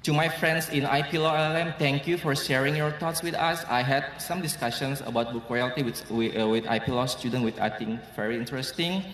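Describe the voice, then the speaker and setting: A man's voice: mid-range voice, fairly quick, few pauses, a bit bright. A man with an Indonesian accent, giving an earnest, grateful commencement speech with light humor in a large hall. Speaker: graduation speaker. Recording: echoey hall with crowd.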